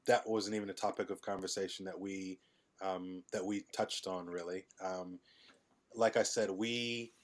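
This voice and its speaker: Middle-aged man guest, low monotone, relaxed and hesitant delivery. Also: a little slow. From United States, Midwest. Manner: relaxed, hesitant with many ums. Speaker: podcast guest. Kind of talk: casual interview conversation.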